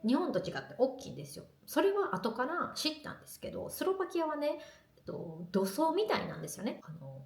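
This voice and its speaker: Chatty Japanese woman vlogger, gravelly edge. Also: on the high side, roomy sound. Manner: lively, chatty storytelling. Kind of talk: casual chat to camera.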